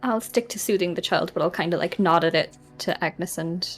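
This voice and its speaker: A woman's voice: lowish voice, fairly quick, slightly rough, soft background music. A woman chatting casually as a player in a tabletop role-playing game, with lots of fillers.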